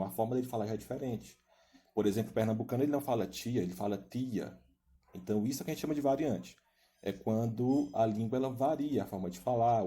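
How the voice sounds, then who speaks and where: A man with a very dark, mellow voice teaches a recorded video lesson. He explains things step by step, often tagging his phrases with a quick question to the class. His tone stays steady and instructive. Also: mid-range voice. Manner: explanatory, frequent "né?" tags.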